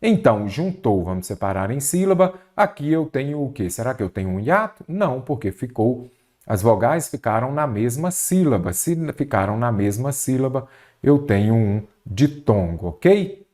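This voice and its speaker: A man's voice: medium pitch, normal speed. A man teaching an online exam-prep lesson, talking straight to viewers and often checking in with "ok?". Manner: animated, addresses viewers directly, repeats "ok?" and "observe". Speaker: Portuguese teacher.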